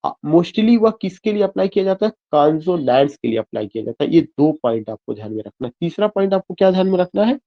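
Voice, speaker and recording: A male teacher lectures online in a slightly high voice, mixing Hindi and English, spelling terms letter by letter, and posing questions to the class that he answers himself. He talks fast with big pitch swings and hardly any pauses. The audio is dull and lo-fi, typical of a web class.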